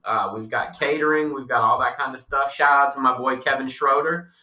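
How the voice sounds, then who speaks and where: A man with a deep Southern US accent, chatting casually as a podcast co-host. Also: fairly even intonation, brisk, sharp tone. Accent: Southern US drawl. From Long Island, later North Carolina. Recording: roomy echo, distant mic.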